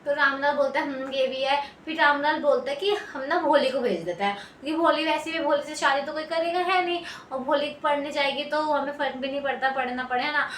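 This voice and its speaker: High-voiced woman tutor in an echoey room. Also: fairly even intonation, brisk, few pauses, a bit bright. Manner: casual, rambling, many fillers and restarts. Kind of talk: retelling a textbook story. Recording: echoey room, distant mic, faint noise.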